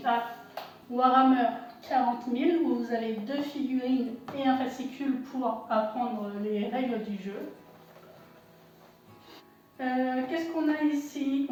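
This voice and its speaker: High-voiced woman unboxing in an echoey room. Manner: hesitant, many fillers and self-corrections. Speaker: shop owner unboxing products. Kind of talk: casual unboxing commentary. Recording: echoey room, voice far from the mic.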